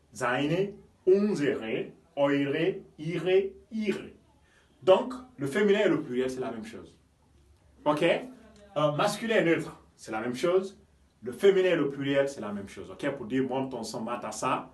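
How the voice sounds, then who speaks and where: A man teaches a grammar lesson, pushing hard on each example word, then letting his voice fall away at the end of a phrase. He checks in again and again with a quick "ok?". He sounds set back from the mic, in a room with a strong echo. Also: medium pitch. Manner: repetitive, checks understanding with frequent "ok?"; stresses German example words, drops off at phrase ends. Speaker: German teacher. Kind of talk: classroom-style grammar lesson. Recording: roomy echo, mic at a distance.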